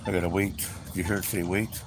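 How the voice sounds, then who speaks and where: A middle-aged man rambles casually into a phone, filling his talk with "anyway" and "um." He talks from inside a car on city streets. Traffic and street noise come through clearly. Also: deep voice, level tone, normal speed. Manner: rambling, chatty, with frequent "anyway" and "um". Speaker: livestream host. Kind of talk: casual storytelling while driving. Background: traffic and city ambience.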